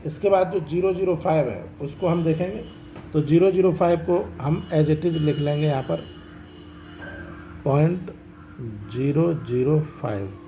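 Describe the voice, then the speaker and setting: A man's voice: on the high side, warm tone, slight background noise, poor audio. A man teaching a maths lesson, explaining each step and often asking whether students have understood. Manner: explains step by step, asks checking questions. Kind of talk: classroom lesson explaining decimals.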